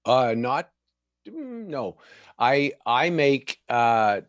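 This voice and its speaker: A man's voice: medium pitch, very animated, extremely slow, dry recording. A man hosting a casual live chat show, laughing easily and poking fun at himself. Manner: laughs often, chatty, self-deprecating. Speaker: show host.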